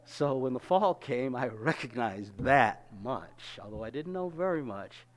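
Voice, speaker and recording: A man's voice: mid-range voice, animated, measured pace. An older man giving a reflective storytelling talk, with wry laughs and frequent hesitations. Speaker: lecturer.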